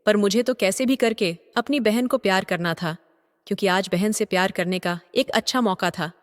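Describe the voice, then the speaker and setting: An older man narrating a story in a steady, even reading voice. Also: high-pitched, normal speed. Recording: long reverb.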